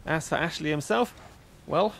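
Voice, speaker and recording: A man's voice: a little high, normal speed, vocal fry, a bit bright, slight background noise. A man narrating a nature-reserve documentary in a light, wry voice-over.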